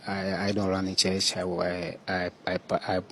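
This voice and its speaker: Man, very deep and flat, stumbling through answers when questioned. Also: a little hiss or hum. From Nigeria. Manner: hesitant, halting, stumbling answers. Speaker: pastor.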